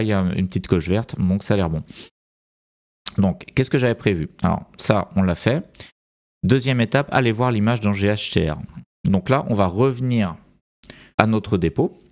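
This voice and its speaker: This tutorial presenter speaks with a French accent in a lowish voice of darkish tone. He walks through a screen recording, musing aloud and pausing on lots of filler words.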